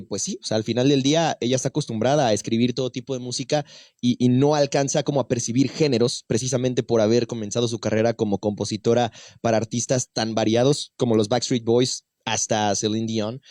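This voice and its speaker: A male radio host, interviewing a guest and asking long, halting questions that repeat words. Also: mid-range voice, darkish tone, no echo, studio quality. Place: radio booth.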